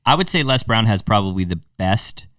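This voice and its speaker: A male podcast host with a lowish voice, encouraging and affirming his guest. He hesitates and rephrases as he goes. He sits a little back from the microphone in a dry space. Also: expressive, a little fast, fairly bright tone, dry recording, distant mic. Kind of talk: casual interview chat.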